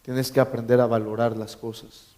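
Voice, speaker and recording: A man's voice: mid-range voice, little pitch movement, moderate pace, mellow, slight background noise. A man preaching a sermon as pastor, emphatic, repeating key phrases and quizzing his congregation with joking asides. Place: church.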